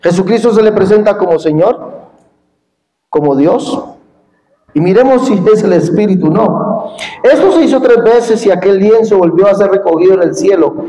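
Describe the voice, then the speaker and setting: A man preaching a fiery sermon, quizzing the congregation and rising to shouts. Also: sits high, moderate pace. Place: large church hall at a congress. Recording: echoey hall with long reverb.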